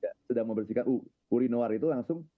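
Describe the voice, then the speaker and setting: Man, mid pitch, reflective storyteller with a habit of tagging every phrase, phone-line sound. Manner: unhurried, leans on filler tags at phrase ends. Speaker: guest speaker on his own channel.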